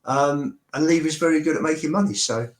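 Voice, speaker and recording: A man's voice: on the high side, brisk, a little hiss or hum. A man giving his opinions casually in conversation about football. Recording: roomy, echoey sound.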